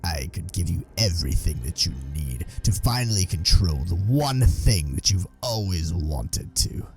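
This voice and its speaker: A man voicing a menacing old male Sith emperor who speaks slowly and in a low voice, goading his enemy. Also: animated, a little mellow, soft background music.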